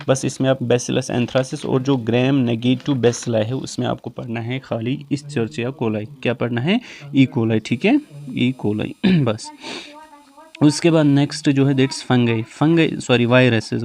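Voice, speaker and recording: A man teaching nursing exam topics, repeating key terms back as questions and often clearing his throat. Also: medium pitch, darkish tone. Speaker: nursing tutor.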